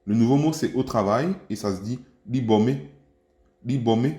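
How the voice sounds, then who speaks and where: A man teaches a language lesson online in a warm, mellow voice. He goes patiently and encourages his listeners, repeating each phrase slowly. His voice rings out in a roomy, echoing space. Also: medium pitch, animated. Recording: echoey room.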